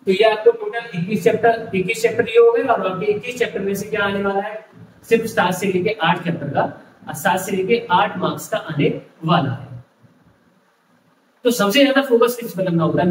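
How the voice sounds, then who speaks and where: A man's voice: high-pitched, echoey room, far from the mic, slight background noise, rough recording. A male tutor explaining an entrance exam syllabus, listing topics one by one and repeating himself. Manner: repetitive, lists topics one by one.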